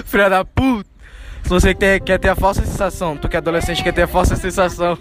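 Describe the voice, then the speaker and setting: A man's voice: sits high, moderate pace, over music. A young man hosting a casual, slangy live stream chat outdoors in a public square, joking crudely. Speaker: podcast host.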